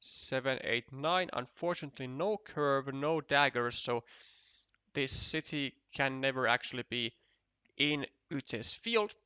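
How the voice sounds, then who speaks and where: Unhurried man commentating a board game. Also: medium pitch, sharp tone, clean tone, no room sound. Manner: thinking aloud, counting tiles, many restarts. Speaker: esports commentator.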